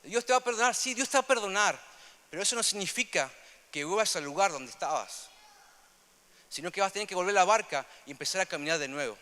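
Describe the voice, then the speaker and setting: Young man, Rioplatense accent, preaching; high, sharp voice with a long reverb tail. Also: lively intonation, fast. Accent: Rioplatense Spanish. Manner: earnest, repetitive, swings between loud emphasis and soft asides. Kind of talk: sermon.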